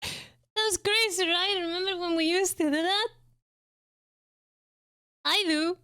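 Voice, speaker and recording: Very high, bright woman, exasperated reactions. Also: fairly even intonation, unhurried. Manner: slangy, exasperated, dramatic. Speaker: VTuber reacting to a video. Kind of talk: casual reaction commentary.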